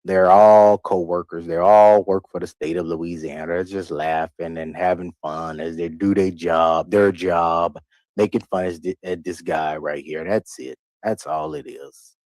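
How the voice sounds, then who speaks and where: A man's voice: low voice, measured pace, darkish tone, no echo. A man streaming live, giving loose, rambling reaction commentary into a microphone, repeating himself and laughing between remarks. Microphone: desk microphone.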